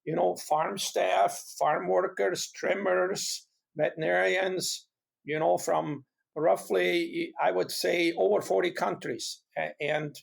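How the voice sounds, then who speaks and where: Gravelly Swiss-accented middle-aged man. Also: high-pitched. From Switzerland. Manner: halting, repeats words, earnest. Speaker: guest, hoof care expert. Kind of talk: casual interview talk.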